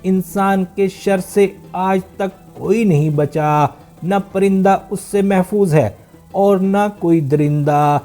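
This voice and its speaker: A frightened female duck recounts her tale in a storybook telling, as a man reads her part. The voice sits high and the reading stays measured, easing down at the ends of sentences, with faint instrumental music beneath. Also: dark tone, close to an everyday voice. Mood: fearful. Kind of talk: storybook narration.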